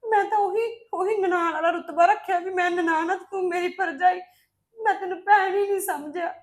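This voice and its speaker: Remorseful young sister-in-law played by a woman, Punjabi accent, very high voice, pleading. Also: fairly even intonation, brisk. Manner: apologetic, pleading. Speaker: visiting sister-in-law in a family drama. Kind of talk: scripted family drama acting.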